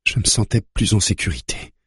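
A man's voice: fairly quick, no echo, clean studio sound, natural voice. A man reading the part of a frightened, suspicious woman patient in an audiobook. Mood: wary. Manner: agitated and suspicious, shouts when cornered.

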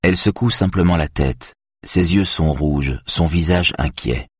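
A man narrating an audiobook in a measured, even way. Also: deep voice, husky, no echo, clean studio sound. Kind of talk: scripted narration.

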